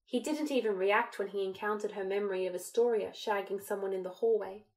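A woman reads a fan fiction audiobook aloud. Her storytelling is steady and even. Her voice sits at a middle pitch for a woman. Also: fairly quick. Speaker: audiobook narrator.

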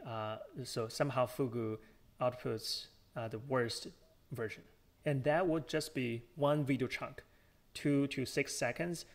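A man with a tired voice, answering audience questions after an academic talk, halting and thinking aloud. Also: medium pitch. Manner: halting, restarts often with fillers. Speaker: guest speaker.

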